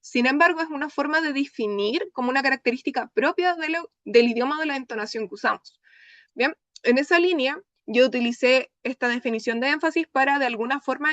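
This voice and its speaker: A woman's voice: high voice, a bit bright, no room sound. A young woman with a Chilean accent gives a talk on her research in an open class. She explains step by step and often checks in with her listeners. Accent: Chilean Spanish. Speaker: lecturer presenting her research.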